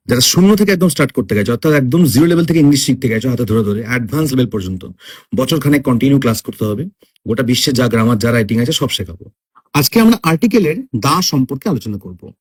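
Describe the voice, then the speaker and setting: A man's voice: a little high, breathy edge. A man teaching English grammar in a spoken lesson, asking questions and answering them himself, stretching out his examples. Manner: drawn-out, emphatic examples.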